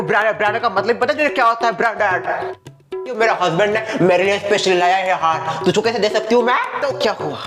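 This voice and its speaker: A man playing a whole household of women and neighbours in a comedy skit, jumping between squeaky and low put-on voices, with music behind him. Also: natural voice. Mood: bickering. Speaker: sketch comedian playing all characters. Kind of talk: comedy skit with one performer in every role.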